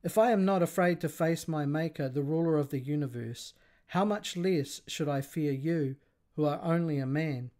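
A man's voice: on the high side, normal speed, a little mellow, natural voice. A man reading the defiant words of a young boy who stands up to a king in a story told aloud. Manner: bold, unafraid.

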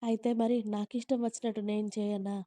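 Woman doing a bossy teasing young guy in an audio story, gruff, flat dark voice, dry. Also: fairly high pitch, fast, no room sound, close to an everyday voice. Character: young man, teasing, bossy caring husband.

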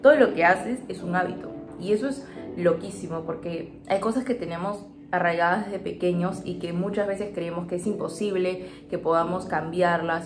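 This is a low-leaning female voice with reverb, belonging to a woman in her 20s from Peru who has a Peruvian Spanish accent. As a daily vlogger she chats casually, upbeat and talkative, confiding in viewers, with music running under her voice.

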